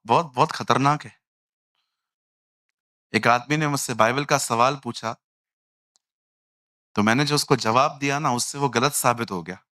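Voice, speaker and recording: Man, preacher, lively sermon, slow delivery, forceful voice, acts out people. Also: mid-range voice, dry recording, clean studio sound. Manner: animated, acting out people and mocking them.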